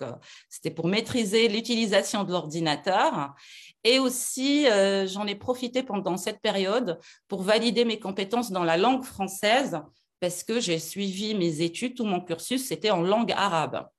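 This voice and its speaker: A middle-aged woman from Algeria, a lawyer being interviewed, talking with many fillers and restarts. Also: lowish voice. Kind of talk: casual interview talk.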